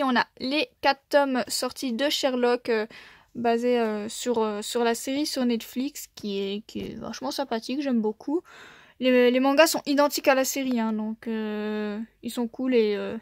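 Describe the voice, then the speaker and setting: A woman's voice: on the high side, fairly even intonation, normal speed, no echo, studio quality. A young woman casually showing her manga collection, chatting with many fillers and small laughs.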